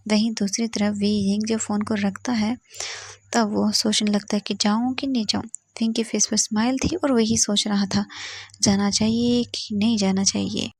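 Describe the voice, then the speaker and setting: A woman retelling a fan fiction story in plain, even narration. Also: medium pitch, slightly rough, no echo.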